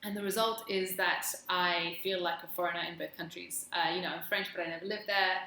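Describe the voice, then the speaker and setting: A woman's voice: lowish voice, steady tone, fairly quick, creaky, pushed and bright. A woman with a plummy English accent chats casually as a video blogger, rambling in a wry, self-deprecating way. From England. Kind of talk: casual chat to camera. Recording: echoey room, faint background noise.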